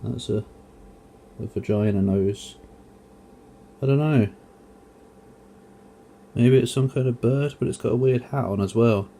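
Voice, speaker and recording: This man's medium-pitched, mellow voice has vocal fry and moves at a measured pace with long pauses over slight background noise. As a video host he rambles casually, grumbling, poking fun at himself and swearing mildly.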